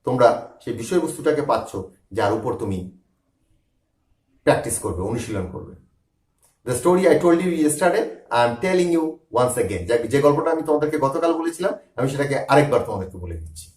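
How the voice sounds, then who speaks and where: A man teaching spoken English, drawing out each English phrase in slow, clearly separated words before rattling off a quick restatement. His voice swoops up and down with animated pitch. He sounds set back from the mic in an echoey room. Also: far from the mic. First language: Bengali. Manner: slow, deliberate English, then fast Bengali restatements. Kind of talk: bilingual spoken English lesson.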